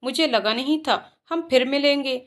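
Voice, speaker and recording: A woman voicing a calm, polite young city man in a storybook reading. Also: high-pitched, moderate pace.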